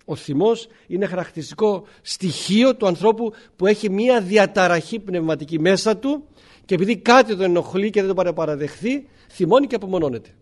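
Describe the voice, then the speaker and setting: This is a sermon from a male priest whose fairly high voice carries lively intonation. He poses rhetorical questions as he goes through scripture, clearing his throat often along the way.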